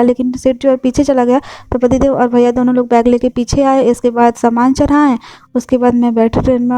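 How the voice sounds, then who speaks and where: A woman's voice: fairly high pitch, dark tone, no echo, poor audio. A young woman from Bihar narrating a casual travel vlog in a chatty, repetitive way full of fillers. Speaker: vlogger.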